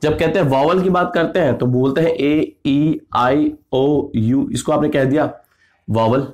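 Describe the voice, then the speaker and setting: Lively male teacher quizzing his class. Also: fairly high pitch, a little slow. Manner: lively, asks and answers his own questions; addresses students as "sarkar". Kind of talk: exam-prep grammar lesson.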